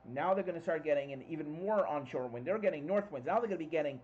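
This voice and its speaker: A man hosting informal live hurricane coverage, excitable and emphatic, repeating himself as he gives updates. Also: fairly high pitch, quick pace. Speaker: livestream host covering a hurricane. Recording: muffled lo-fi audio with faint noise.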